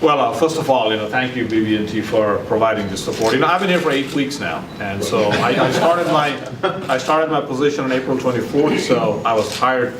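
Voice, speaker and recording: A man from Nepal, a new center director, thanking sponsors at a ceremony in a halting way with many fillers. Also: mid-range voice, crowd noise. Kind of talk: ceremony speech. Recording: echoey room from far off, noisy.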